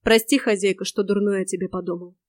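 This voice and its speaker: A solemn warrior hero, read by a woman, speaks plainly and gruffly in old-fashioned words. He is earnest and a little grim. The reading is dry and close. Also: mid-range voice, steady tone, fast talker, dry recording, lightly acted.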